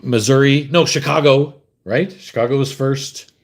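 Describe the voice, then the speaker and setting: A Canadian man with a medium-pitched voice hosts a casual livestream at a moderate pace. He chats in a rambling way while fumbling with his camera gear.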